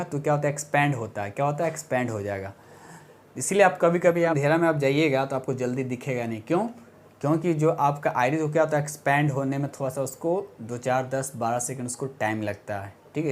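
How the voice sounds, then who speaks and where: A man teaching a casual exam-prep science lesson, talking informally, repeating himself, correcting himself and checking in often with rhetorical questions. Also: medium pitch.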